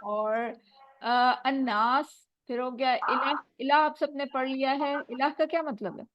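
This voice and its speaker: A woman teacher with a high-pitched voice and fairly even intonation patiently quizzes students word by word at a measured pace during an online lesson. The bad connection keeps cutting her voice out, and the video-call audio is dull and dry, with background noise.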